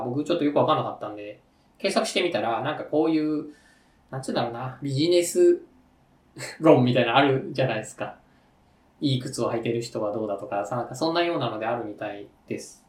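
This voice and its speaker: Speaking fast in a medium-pitched voice, this Tokyo-based host and story contest judge chats loosely on a podcast, wandering off topic, laughing, and using plenty of fillers with lively energy. He's recorded from a distance, a bit off mic, in an echoey room.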